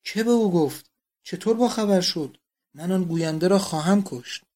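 A man's voice: fairly high pitch, a little mellow, natural voice. A man reading the part of an anguished, doting elderly father who breaks into vehement, pleading outbursts. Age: older.

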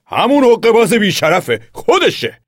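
A man voicing an angry lawman who yells insults from a distance. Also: high-pitched, huge pitch swings, no room sound, studio quality, pitched above the performer's own voice, exaggerated voice. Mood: furious shouting. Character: angry shouting male lawman, hostile, middle-aged.

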